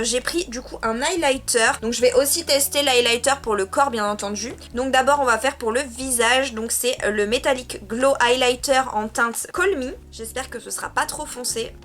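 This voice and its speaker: A woman's voice: a little high, fairly bright tone. A young woman from France in a casual makeup vlog, talking in a chatty way with many hesitations while she applies products. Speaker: beauty vlogger.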